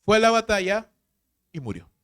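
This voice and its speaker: A man pastor preaching a sermon, emphatic and full of rhetorical questions, swinging from loud to hushed. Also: high voice, very animated, normal speed, clean tone.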